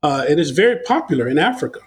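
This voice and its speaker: An American man appears as a podcast guest, telling stories in a conversational way. His voice runs slightly high and fast, and his delivery is animated and anecdotal, full of analogies, often repeating words as he launches into a thought.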